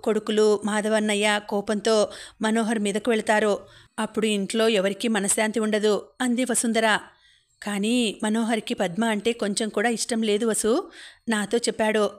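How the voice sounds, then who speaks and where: Woman narrator, audiobook reading, steady and flat, takes all roles in her own voice. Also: medium pitch. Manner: even, flat delivery, voicing all characters in her own voice. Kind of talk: reading a novel aloud.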